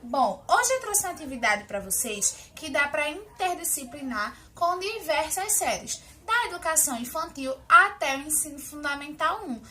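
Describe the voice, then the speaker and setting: A woman teacher explaining a classroom word activity step by step, slowly and patiently. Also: high-pitched, bright, forceful tone.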